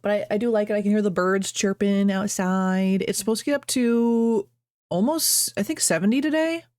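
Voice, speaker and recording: A woman's voice: medium pitch, normal speed, darkish tone, dry recording, clean studio sound. A young adult woman streamer chatting casually at home, rambling, reading chat aloud and laughing often. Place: at home, birds outside.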